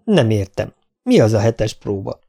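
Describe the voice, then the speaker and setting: Egy férfi, aki egy egyszerű, szavakkal küszködő fiatal lovagot szólaltat meg, dadogva. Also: male voice, fairly low pitch, sing-song, gravelly, mellow, heavily acted. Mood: anxious. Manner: stammering, halting. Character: big, plain young knight, tongue-tied.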